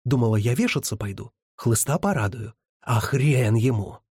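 A man voicing a worn-out, thin man who mutters fast and flustered. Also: mid-range voice, darkish tone, breathy edge, no echo, clean studio sound, natural voice.

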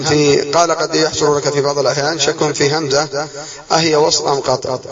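A man teaching an Arabic spelling lesson, reading from a text, explaining it and quizzing his students, repeating key words. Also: on the high side. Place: classroom. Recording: distant dull classroom recording with students around.

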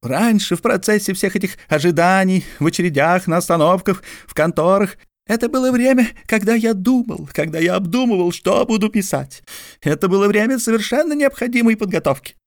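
An exhausted, irritable writer, as a man puts him on for an audiobook, grumbling and complaining in gruff bursts. The voice sits well above the reader's natural pitch and swings about. The recording is dry and close. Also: animated, brisk, no echo. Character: exasperated grumbling male writer, worn out and irritable. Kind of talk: audiobook character voice.

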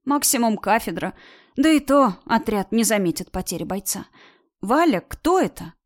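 A woman reading an audiobook, voicing a heartbroken young woman who sobs softly and speaks in a plaintive, quiet way. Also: medium pitch, lively intonation, normal speed, close to an everyday voice. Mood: subdued. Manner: sobbing, soft and plaintive. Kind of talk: audiobook character voice.

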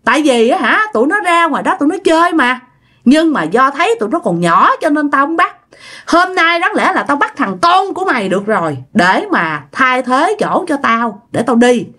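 Woman putting on a blunt ghost spirit, talks high and rough. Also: very animated, moderate pace, bright, forceful tone, exaggerated voice. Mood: gruff. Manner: blunt and rough-spoken, pleading at times. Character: lonely ghost of a drowned-young boy, gruff but kind.

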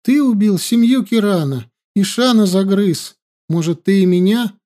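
A man voicing a young princess who accuses and weeps, her voice raised high and pleading. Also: animated, moderate pace, warm tone. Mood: tearful. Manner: accusing, tearful, high-pitched. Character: young grieving furious princess woman.

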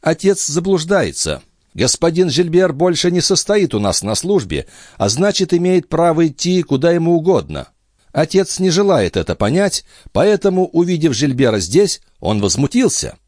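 A man's voice: a little high, very animated, moderate pace, darkish tone, dry recording, studio quality, pitched above the performer's own voice. A man voicing a young noblewoman who speaks firmly and with composure. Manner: firm, composed. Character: young noblewoman, calm and commanding.

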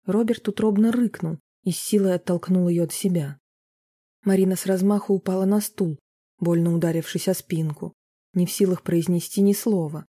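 A narrator reading a romance novel aloud in a steady, even storytelling manner. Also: medium pitch, normal speed, husky, no room sound.

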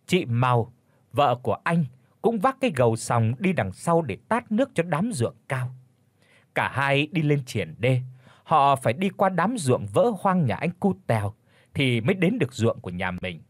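A man narrating an audiobook in an expressive storytelling way. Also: medium pitch, normal speed, no room sound.

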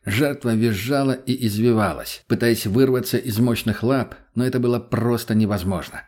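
A man's voice: mid-range voice, normal speed, darkish tone. A man narrating an audiobook in a blunt, crude, matter-of-fact way.

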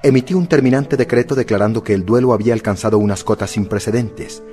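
A man with a low voice reads a novel aloud in the first person, steady and measured. Faint music runs quietly under his narration. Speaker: audiobook narrator.

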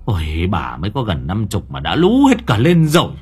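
A man voicing a gruff, short-tempered village husband who scolds irritably. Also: on the low side, wildly swooping pitch, normal speed, a little mellow, faint music behind, full character voice. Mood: grumpy scolding.

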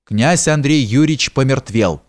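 A man narrating a historical novel in a measured storytelling manner. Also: mid-range voice. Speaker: audiobook narrator.

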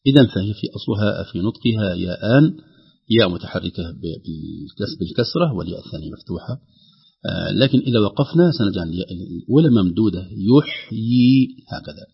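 Man teaching quran recitation, low gravelly husky voice, stretches words out to show them, dull lo-fi sound. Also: expressive. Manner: demonstrates words by drawing them out slowly. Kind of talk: explaining Quran recitation rules. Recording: dull lo-fi broadcast audio.

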